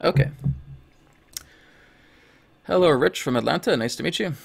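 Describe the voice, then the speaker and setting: A hoarse man hosting a livestream in a friendly, quick way, greeting viewers and reading their questions aloud. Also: fairly high pitch. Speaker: livestream host. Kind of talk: casual livestream chat.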